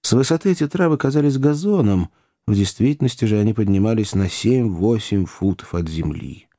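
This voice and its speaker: A man reading an adventure novel aloud in an even, descriptive storytelling manner. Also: on the low side, a little fast, no room sound, studio quality. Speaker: audiobook narrator. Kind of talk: scripted audiobook narration.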